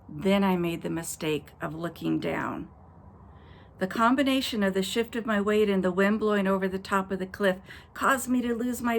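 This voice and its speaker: A woman pastor reads aloud an adventure story for kids in a mid-range voice, acting out quoted characters and breaking off to speak to the young listeners, an expressive storyteller throughout. There's a little background noise.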